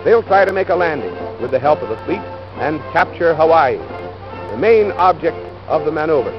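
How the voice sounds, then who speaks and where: A man narrating a 1930s newsreel in a brisk, upbeat, folksy announcer manner. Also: on the high side, lively intonation. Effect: old newsreel soundtrack. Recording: dull lo-fi 1930s film sound with music. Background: music.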